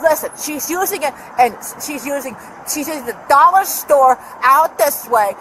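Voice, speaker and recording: A woman living in her car argues with a deputy in a parking lot, agitated and rambling, shouting at times, recorded on a body camera. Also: high-pitched, animated, normal speed. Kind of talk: heated street argument. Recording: noisy outdoor bodycam audio.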